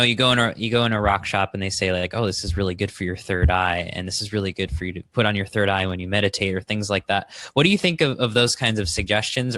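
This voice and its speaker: Male host, bright and fairly low voice, hesitant questions. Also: no echo. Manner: hesitant, searching for words. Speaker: host reading audience questions. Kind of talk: interview questions.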